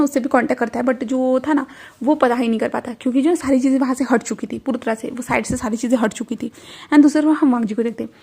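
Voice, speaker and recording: A woman's voice: a little high, mellow, slightly rough. A woman casually retelling a fan fiction story, conversational and full of fillers.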